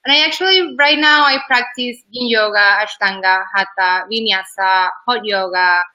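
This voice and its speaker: Speaking at normal speed with a medium-pitched, sharp tone, an Ecuadorian woman in her 20s chats loosely about her yoga teaching as an interview guest. She's chatty and uses "like" a lot; the recording has its highs cut off.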